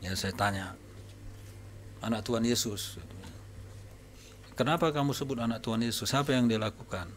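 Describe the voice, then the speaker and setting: A man preaching to his congregation as a pastor, telling anecdotes from his visits in a relaxed, conversational way. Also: mid-range voice, moderate pace, long pauses, a little hiss or hum. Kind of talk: sermon testimony to a congregation. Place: church service.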